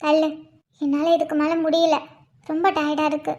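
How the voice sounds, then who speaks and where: A woman's voice: very high-pitched, moderate pace, fairly bright tone, dull audio. A woman voicing a young wife in a cartoon, whiny and tearful at times, bubbly and delighted at others. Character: young wife, emotional, sulky then joyful. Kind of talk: cartoon dialogue voice acting.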